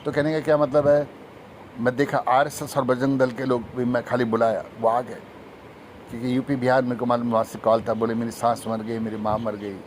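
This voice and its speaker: Fast-talking man preaching. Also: mid-range voice, level tone, slight background noise. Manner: fast-talking, emphatic, breaks into sung hymn. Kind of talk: Hindi testimony sermon.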